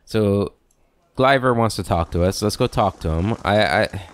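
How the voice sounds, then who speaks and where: A man hosting a let's play, giving relaxed gameplay commentary while musing to himself. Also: fairly low pitch, unhurried, smooth.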